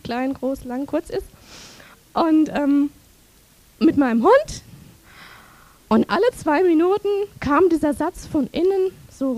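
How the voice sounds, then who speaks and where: A woman with a high, mellow voice preaches a sermon, telling personal stories with lively energy. The sound is dry and close. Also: dry recording. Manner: lively, personal storytelling with prayer.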